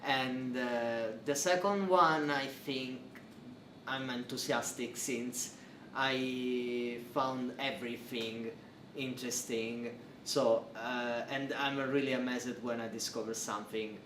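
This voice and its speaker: In an interview, this young Italian PhD researcher speaks slowly in English, not his native tongue, with an Italian accent, a medium pitch, fairly even intonation and a slightly bright tone. His answers are hesitant, filled with fillers, restarts and non-native phrasing, recorded roomy on a distant mic with faint noise.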